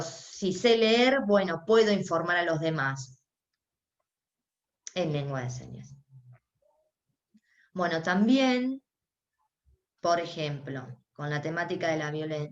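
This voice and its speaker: In this muffled, reverberant recording, a sign language interpreter speaks for a deaf panelist at a panel discussion, interpreting live. She has an Argentine Spanish accent and a lowish voice, and she keeps stopping, pausing and starting over.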